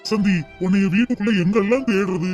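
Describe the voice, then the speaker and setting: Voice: medium pitch, steady tone, a little fast, darkish tone, faint music behind, close to an everyday voice. A voice actor playing a guilt-ridden husband in a cartoon, pleading and soothing. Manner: pleading and soothing, breaks into tears. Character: husband, guilt-ridden drinker who lost his car. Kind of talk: cartoon voice acting.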